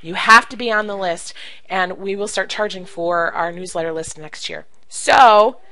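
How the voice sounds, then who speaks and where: A woman coaching direct sales in an animated, emphatic way, acting out phone calls as she teaches. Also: medium pitch, normal speed, rough recording. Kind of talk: coaching video talk to camera.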